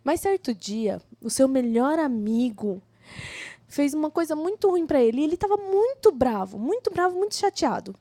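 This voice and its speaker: Woman, high voice, mellow tone, acts out a kids' story, pretty animated, dry sound. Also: normal speed, no echo. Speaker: children's story teller at church. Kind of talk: telling a children's story. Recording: live church service, dry sound.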